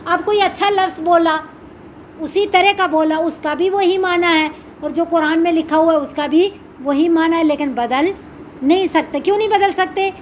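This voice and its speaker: With an extremely high-pitched voice and slight background noise, a woman Quran teacher explains a religious lesson, posing questions and answering them herself. She recites Arabic supplications slowly and in a measured way.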